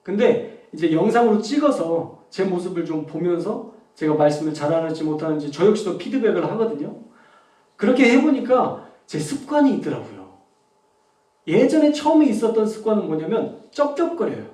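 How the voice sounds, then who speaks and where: A man preaching a sermon as a pastor, talking in an animated way and acting out different tones of voice. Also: high voice, normal speed, roomy sound, distant mic. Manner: animated preaching with spoken demonstrations of tone.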